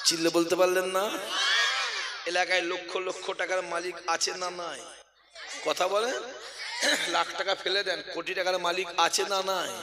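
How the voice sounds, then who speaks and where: A man with a Bengali accent preaching a fiery sermon, shouting and calling on the crowd to answer back. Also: high-pitched, flat delivery, moderate pace, long pauses. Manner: shouting to the crowd, calls for responses. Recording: long hall reverb.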